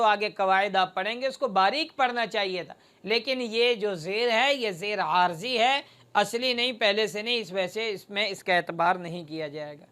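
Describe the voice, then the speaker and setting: Recitation teacher, step-by-step lesson, smooth resonant voice, mid pitch, slow chanted examples. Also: bright, forceful tone. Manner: methodical, numbers each rule and chants slow drawn-out examples. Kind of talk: explanatory lesson on recitation rules.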